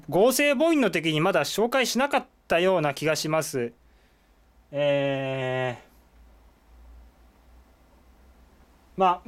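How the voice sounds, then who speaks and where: A man teaching a language lesson at a whiteboard. His voice is somewhat high, and his pitch bounces around a lot as he explains each word. He pauses often with drawn-out fillers. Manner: lively, explanatory, with frequent "eh" fillers.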